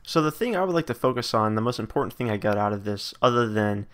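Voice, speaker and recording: A man's voice: on the low side, expressive, quick pace. A man co-hosting a casual comedy chat who picks apart wording with dry, quizzical questions. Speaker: podcast co-host.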